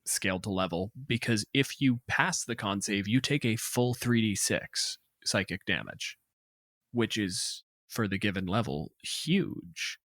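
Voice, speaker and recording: Speaking a little slowly in a lowish, slightly bright voice, a man co-hosting a tabletop gaming podcast offers casual analysis of game monsters. Articulate and emphatic, he doesn't hold back his opinions. The recording is dry and studio quality.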